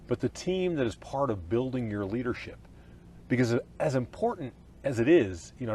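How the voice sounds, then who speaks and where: A middle-aged man, a pastor, giving a scripted leadership lesson outdoors at ball fields in an earnest, expressive manner. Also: fairly low pitch, a little hiss or hum. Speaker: pastor teaching a leadership course. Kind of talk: scripted teaching session.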